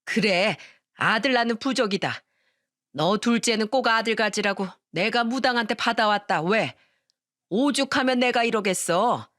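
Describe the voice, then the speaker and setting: A bossy, scornful old mother-in-law, as a woman narrator puts her on, her voice sitting a little higher than the narrator's own and close and dry on the mic. She scolds and sneers at everyone around her. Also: normal speed, fairly bright tone, no echo, close to an everyday voice. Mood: evasive.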